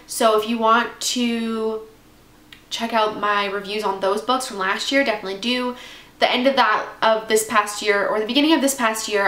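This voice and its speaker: Her voice fairly high, pushed and bright, a young woman in her twenties vlogs about books from home while congested with a cold. She chats casually and rambles, tossing in many asides. The echoey indoor space carries faint background noise.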